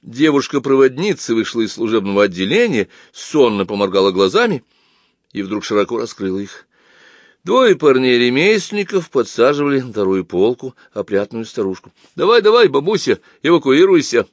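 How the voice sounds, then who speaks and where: A man's voice: mid-range voice, normal speed, dry recording, clean studio sound. A man narrating a story as an audiobook, reading expressively. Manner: expressive reading with many acted voices.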